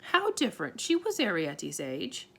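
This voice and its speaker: A woman's voice: mid-range voice, huge pitch swings, normal speed, vocal fry, heavily acted. A woman reading aloud and voicing a tiny, anxious borrower housewife who frets, exclaims and pleads. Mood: fretful. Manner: fretful, exclaiming, tearful pleading. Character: tiny borrower housewife, middle-aged, anxious, easily alarmed.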